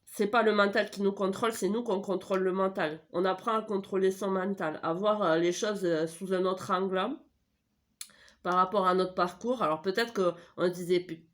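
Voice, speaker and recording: Into a desk mic at home, a middle-aged woman with a stuffy head cold offers a casual tarot reading. The voice is mid-range and fairly bright, with a steady tone and moderate pace, though her talk rambles and is full of hesitations and self-corrections.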